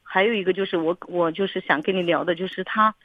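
A fast-talking woman with a lowish voice calls in to a radio counseling show over a tinny, echo-free phone line. Her long story comes out earnest and rambling, full of repetition and restarted sentences.

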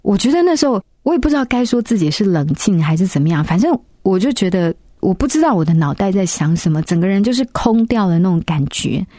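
A woman, recounting a personal story in a soft, reflective way. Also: medium pitch, sing-song, fast, hardly any pauses, no room sound, studio quality. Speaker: interview guest. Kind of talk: personal testimony.

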